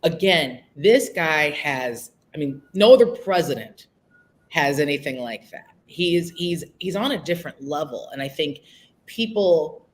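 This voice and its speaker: A woman's voice: low-pitched, lively intonation, a little slow. A woman panelist giving casual political commentary in a conversational way, often checking in with her listeners.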